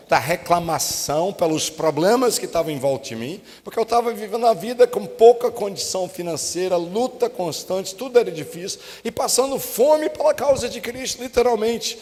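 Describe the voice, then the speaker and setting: A guest pastor from the United States tells a story in his sermon, animated and acting out his own grumbling. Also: sits high. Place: church meeting hall. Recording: long hall reverb.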